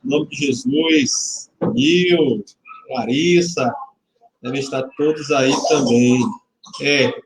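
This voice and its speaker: A man's voice: medium pitch, takes it slowly, background noise. Man, pastor, livestreamed service, casual greetings, echoey room, webcam mic. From Salvador, Bahia, Brazil. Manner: chatty and informal, greeting viewers by name, joking lightly. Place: church hall. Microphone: webcam microphone. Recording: roomy webcam sound.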